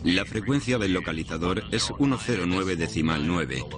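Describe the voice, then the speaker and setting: Deep-voiced, calm air traffic controller. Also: male voice, normal speed. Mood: calm, businesslike. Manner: calm, matter-of-fact.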